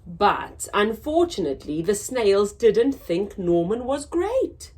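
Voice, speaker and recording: At a children's story time, a woman with a mid-range voice reads a picture book aloud to small children. She takes it slowly, in an expressive, sing-song way.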